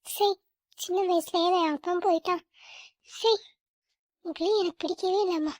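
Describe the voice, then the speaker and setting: A shrill, very high old grandmother who nags and sneers at her grandchild, as a woman acts her out. She sounds harsh and contemptuous, with close, dry sound and no room around the voice. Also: steady tone, moderate pace, dry recording. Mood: scornful. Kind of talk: family skit.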